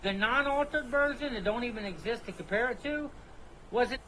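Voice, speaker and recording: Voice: mid-range voice, moderate pace, fairly bright tone, slight background noise, poor audio. A person talking spontaneously and defensively, insistent and indignant in denial. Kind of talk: defensive spontaneous talk in a played clip.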